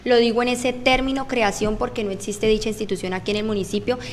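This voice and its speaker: Here the same sort of speaker, a Colombian woman in her 20s running for council, sits at a studio desk mic in a small radio station and gives earnest, formal, prepared interview answers. She talks fast in a steady, higher voice against slight background noise.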